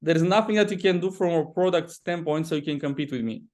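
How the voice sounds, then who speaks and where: A man's voice: fairly high pitch, fast talker, darkish tone. A man with a Romanian accent answers interview questions conversationally as a property developer, often stopping and repeating words mid-sentence. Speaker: property developer, podcast guest.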